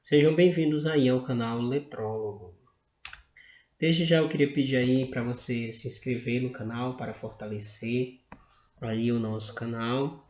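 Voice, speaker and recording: Brazilian male teacher, unhurried and explanatory, roomy echoey recording. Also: mid-range voice, fairly even intonation, a little mellow. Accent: Brazilian Portuguese. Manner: slow, explanatory, frequent "né?" tag questions. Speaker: Portuguese grammar teacher. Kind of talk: slide-based grammar lesson.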